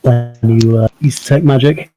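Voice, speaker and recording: A man narrating as game master of a tabletop game, pausing often with ums and hedging words. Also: medium pitch, fairly even intonation, poor audio. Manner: hesitant, many ums and "kind of".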